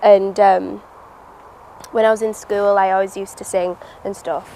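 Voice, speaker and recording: A woman's voice: mid-range voice, little pitch movement, unhurried, mellow, a little hiss or hum, rough recording. A young woman in her late teens from Teesside, speaking casually and thoughtfully in a documentary interview. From Teesside, England. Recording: music playing under the voice. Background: background music.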